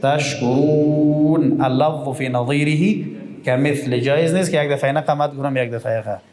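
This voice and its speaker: A man teaching Quran recitation, explaining rules and chanting verses slowly. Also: mid-range voice, darkish tone. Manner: explains slowly, then chants verses in long drawn-out tones. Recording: echoey room with long reverb.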